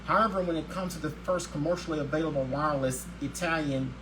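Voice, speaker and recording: A man's voice: on the high side, quick pace, noisy background. A man hosting his own daily video show, upbeat and religious, who reads a scripted segment and often stumbles and restarts his words.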